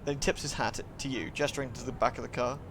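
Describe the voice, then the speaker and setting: The voice is a man's, medium-pitched and fairly bright, with fairly even intonation and a fast pace, over a little hiss or hum. As a live streamer, he reads visual novel narration aloud and shifts into courteous, grateful conversation with viewers.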